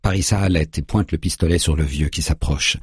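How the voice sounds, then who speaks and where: A man narrating an audiobook in a grave, measured way, recorded on a close studio mic. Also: extremely low pitch, husky, dry recording.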